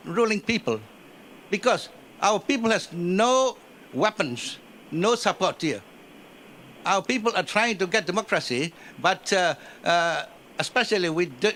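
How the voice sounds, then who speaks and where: Halting man making a statement. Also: sits high, fairly bright tone, a little hiss or hum, rough recording. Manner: halting, repetitive, with frequent fillers. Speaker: audience member giving a statement. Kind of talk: impassioned public comment. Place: conference room.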